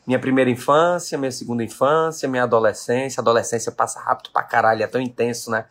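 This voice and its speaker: A man's voice: mid-range voice, fairly even intonation, fast, a bit bright. A man in his late thirties from Brazil, a business owner giving an emphatic motivational talk to his live-stream audience, repeating his key questions. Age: 30s.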